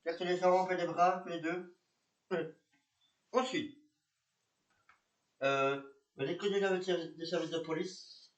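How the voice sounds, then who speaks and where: A man's voice: sits high, steady tone, takes it slowly, long pauses, muffled recording. A man narrating and playing a police officer, talking hesitantly with many fillers and repeats. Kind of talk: amateur reenactment of police patrol. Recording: echoey room.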